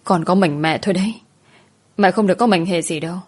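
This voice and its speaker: A woman's voice: lowish voice, brisk, a little mellow, natural voice. A woman voicing a frightened young woman who pleads tearfully for her sick mother. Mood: pleading.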